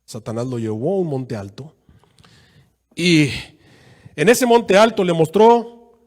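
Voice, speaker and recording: A man preaching a sermon as pastor, acting out quoted voices with sudden jumps in pitch. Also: sing-song, slow, a little mellow.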